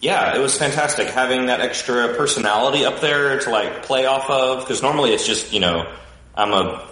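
A man talking in a relaxed, chatty way as a podcast guest, his voice carrying a cave-like echo as if he sits in a cavern. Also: medium pitch, moderate pace. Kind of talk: casual chat. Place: echoey basement room.

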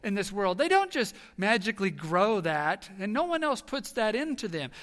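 A man in his thirties preaching a sermon as a pastor, telling a personal story earnestly and swinging from hushed, quiet passages to loud, emphatic ones. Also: high-pitched. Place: church sanctuary. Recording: long reverb of a large hall.

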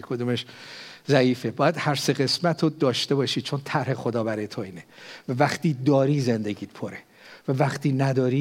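Preaching in a medium-pitched voice, an elderly pastor swells with power on important lines before sinking into quiet prayer.

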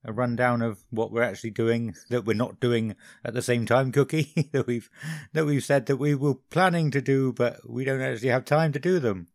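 A man's voice: medium pitch, steady tone, normal speed, few pauses, dry recording, clean studio sound. A man co-hosting a podcast, laid-back and giggly in casual banter. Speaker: podcast co-host.

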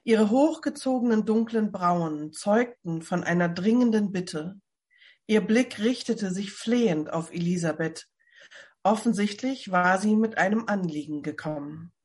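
Slow, breathy woman reading a story. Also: mid-range voice. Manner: calm storytelling. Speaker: lay reader. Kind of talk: reading a Bible novel aloud. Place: at home.

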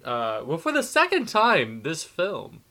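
A man's voice: fairly high pitch, huge pitch swings, measured pace, sharp tone. A man co-hosting a casual chat, joking and acting out lines in silly voices. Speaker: podcast co-host. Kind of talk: casual chat recapping a film.

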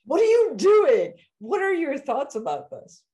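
A woman from Iran, a therapist, hosting a conversational interview and asking long, searching questions, sometimes acting out reactions with sudden high exclamations. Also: wildly swooping pitch, measured pace, mellow. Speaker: therapist and podcast host.

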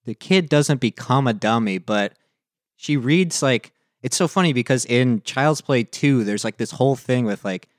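A man's voice: mid-range voice, animated, moderate pace, no echo, studio quality. Chatty amused man, medium voice. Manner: chatty, amused, explains with many fillers. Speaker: podcast co-host. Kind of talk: casual chat.

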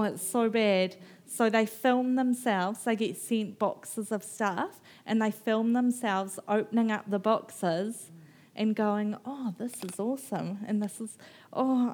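This New Zealand author, a woman in her thirties, is a festival guest who rambles animatedly in a live conversation, laughing and imitating others. She has a mid-range, slightly mellow voice.

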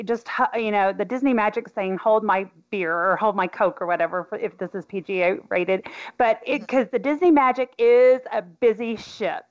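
Female podcast co-host, Arkansas accent, casual delivery, higher register, dull audio. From Arkansas, USA. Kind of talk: casual travel podcast talk.

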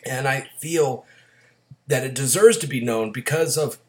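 Raspy, gravelly male podcast co-host with a cold. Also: medium pitch, measured pace, darkish tone. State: getting over a cold. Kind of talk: casual film-discussion podcast talk.

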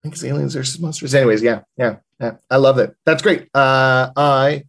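Casual male co-host, mid-pitched, informal storyteller chatting about tabletop games. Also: steady tone, normal speed, creaky, a bit bright. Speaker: podcast co-host and game master.

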